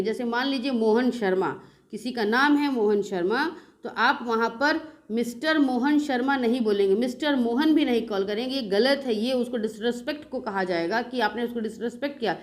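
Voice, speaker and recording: Patient woman teaching spoken English. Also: fairly high pitch. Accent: Indian English. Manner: patient, repeats and asks rhetorical questions. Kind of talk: classroom lesson explaining in Hindi.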